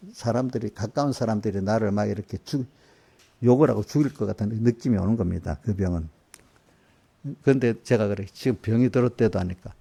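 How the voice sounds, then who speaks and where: A man preaches in a loose, conversational way, turning to individual listeners with questions and slipping into quoted voices. His voice is gravelly with a dark, mellow tone, sitting at an ordinary pitch for a man. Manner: conversational preaching, quizzing congregation by name; acts out voices in quoted asides. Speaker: pastor. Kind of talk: sermon. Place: church sanctuary.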